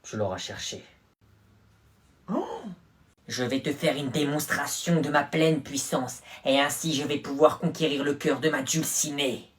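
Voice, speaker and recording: A woman's voice: sits low, unhurried. Woman playing a boastful lovestruck ninja schoolboy. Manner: grandiose, theatrical boasting. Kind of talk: comedy sketch acting.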